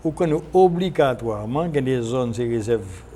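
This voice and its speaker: A Haitian-accented man, a former senator, guests on an unscripted radio interview, shifting between French and Creole as he explains things haltingly, repeating and correcting himself. His medium-pitched voice is animated and dark-toned. The noisy recording comes from a broadcast archive.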